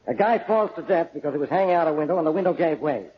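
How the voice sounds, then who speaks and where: An actor playing an irritable, skeptical, blustery police inspector in a 1940s radio drama. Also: male voice, on the high side, expressive, fast talker, close to an everyday voice. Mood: scornful, exasperated. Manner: blustery, sarcastic. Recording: muffled, noisy old radio recording.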